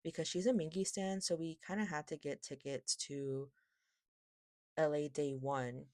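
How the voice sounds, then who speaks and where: Speaking in a deep, slightly mellow voice at normal speed, with fairly even intonation, a woman vlogs about her K-pop collection in a casual, rambling haul chat. She frequently interrupts herself, and a lisp turns her s slushy. The recording is dry and studio-clean.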